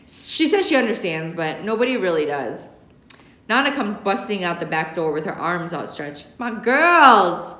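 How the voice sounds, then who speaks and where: Captured by a camera set a little way off, this American woman, a teacher, gives an expressive reading of a young adult novel in a spacious classroom. She speaks on the low side with a fairly bright tone.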